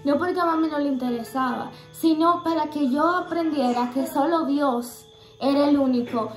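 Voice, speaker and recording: High-pitched young woman sharing a faith testimony, earnest and halting, roomy echo. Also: soft background music. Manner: earnest, halting, many fillers and restarts.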